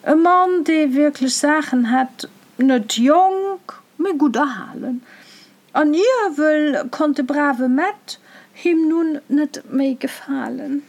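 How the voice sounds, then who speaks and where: A woman reciting a rhyming dialect tale in a measured, rhythmic way. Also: sits high, a little mellow. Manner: measured, rhythmic verse delivery. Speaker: storyteller.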